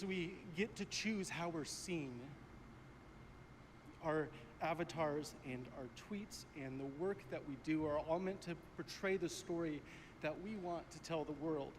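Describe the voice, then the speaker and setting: A man's voice: on the high side, unhurried. A man giving a heartfelt, earnest acceptance speech on an awards stage. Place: large awards hall stage. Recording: echoey hall with faint noise, played from a broadcast.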